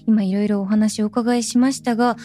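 A woman's voice: mid-range voice, fairly even intonation, a little fast. A woman hosting a polite interview, courteous and attentive as she responds to her guest and asks questions. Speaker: interviewer, show host. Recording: music playing behind the voice.

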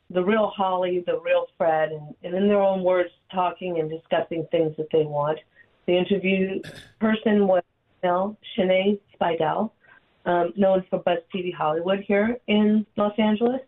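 A woman from a record label giving a chatty, rambling update on a talk radio show, heard through a narrow lo-fi AM radio sound. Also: on the low side. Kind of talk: casual on-air update. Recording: tinny phone-like AM radio line.

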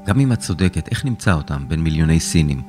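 A man's voice: a bass voice, lively intonation, over music. A man voicing an anxious, despairing boy in a serialized children's story. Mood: dejected. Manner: mumbling, dejected. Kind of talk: storybook character reading.

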